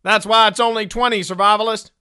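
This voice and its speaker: A man playing a gruff, bossy male drill sergeant who barks orders in a comedy podcast sketch. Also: sits high, steady tone, a little fast, pushed and bright. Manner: barking orders, mocking.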